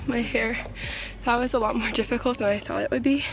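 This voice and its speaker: A woman's voice: on the high side, steady tone, a little fast, over music. A young woman vlogging on a solo hike, chatty and a bit breathless as she talks to the camera outdoors. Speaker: travel vlogger. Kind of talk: casual vlog narration. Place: outdoors on a mountain trail.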